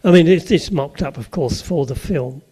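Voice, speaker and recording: His voice is a little high, mellow, and breathy, and he speaks at normal speed: an older man from Suffolk, England, with a Suffolk English accent, preaching an anecdotal sermon to a live audience. He stays chatty, asking his listeners questions and tossing in jokes.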